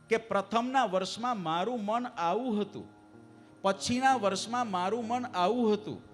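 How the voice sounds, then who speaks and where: A man preaching a devotional sermon to a live assembly, asking the audience questions and urging them to answer louder. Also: sits high. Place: temple assembly hall.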